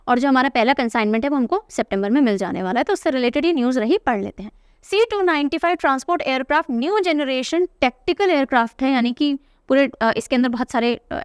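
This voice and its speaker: A young woman gives an exam-prep current affairs lesson, asking questions aloud and answering them herself. Her voice sits high and rings clean and resonant. The sound is dry and close, with no room echo. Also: clear, resonant tone. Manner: explanatory, asks and answers her own questions. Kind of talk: exam-prep lecture, Hindi mixed with English.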